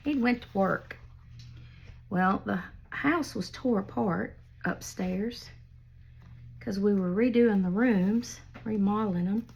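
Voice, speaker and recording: Gravelly and a little mellow with a breathy edge, this medium-pitched voice belongs to an older woman who takes things slowly. In a casual home craft demo, she tells family stories in a chatty, folksy manner and laughs at them herself.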